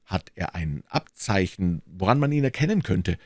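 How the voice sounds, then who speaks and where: A man voicing a bold, quick-tempered young swordsman in an audiobook, brash and exclaiming. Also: deep voice, sing-song, darkish tone, no room sound, studio quality, full character voice. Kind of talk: audiobook reading.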